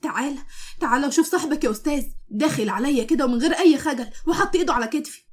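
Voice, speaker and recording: A woman's voice: high voice, rapid-fire, close to an everyday voice. Woman playing a sassy Egyptian young wife. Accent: Egyptian Arabic. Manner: sassy, scolding. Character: young wife, sharp-tongued and stubborn.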